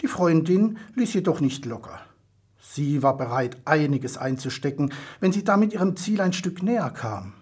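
A man reading a children's story aloud as narrator, with expressive storytelling. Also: on the high side, moderate pace, slightly rough. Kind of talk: audiobook reading.

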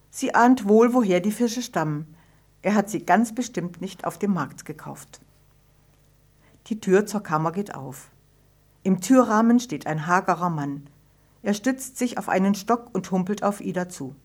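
Calm woman reading a storybook. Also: fairly low pitch. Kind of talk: scripted audiobook narration.

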